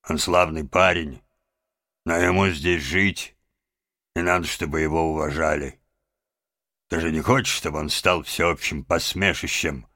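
A man's voice: a bass voice, sharp tone, exaggerated voice. A man voicing a gloomy, blunt old male badger in an audiobook. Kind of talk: audiobook character voice.

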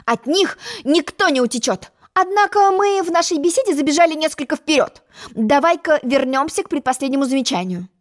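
A woman voicing a pompous, boastful egg-shaped male character in a storybook reading, haughty and quick to take offense. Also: sits high, lively intonation, voice pushed up.

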